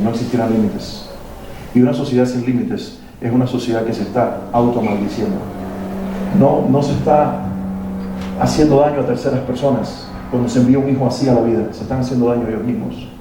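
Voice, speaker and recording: A man's voice: medium pitch, fairly even intonation, fairly quick. A man giving a motivational talk to parents in a hall, posing rhetorical questions to the audience. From Latin America. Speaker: speaker at a parenting workshop. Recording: very echoey hall, mic at a distance, faint noise.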